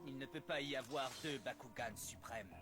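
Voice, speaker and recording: A man's voice: mid-range voice, moderate pace, close to an everyday voice. A man voicing an arrogant, cold rival battler in a French anime dub, with a haughty, declamatory delivery. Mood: cold challenge. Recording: loud music behind the voice.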